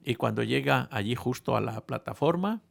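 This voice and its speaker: A man preaching a sermon, telling a humorous story to his congregation in a playful, animated way with frequent restarts. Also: mid-range voice, moderate pace, gravelly.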